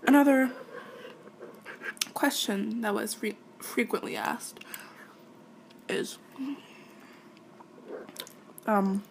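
Drawing out her words in a slightly high, creaky voice, this late-teen audio creator from Quebec answers listener questions, pausing often. French is her first language, and she rambles candidly, hesitantly and with giggles. The audio is poor, with a little hiss or hum.

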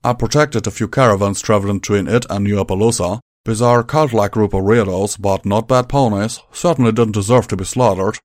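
A man's voice: lowish voice, fairly even intonation, a little fast, few pauses, dry recording, studio quality, close to an everyday voice. Man doing a brash folksy pegasus gunslinger. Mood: matter-of-fact. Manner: loud, blunt country drawl.

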